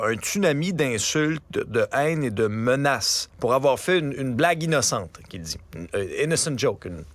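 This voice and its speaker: Lively Quebec radio host. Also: male voice, mid-range voice, no echo. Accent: Quebec French. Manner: lively, questioning, quick bursts. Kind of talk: talk radio interview.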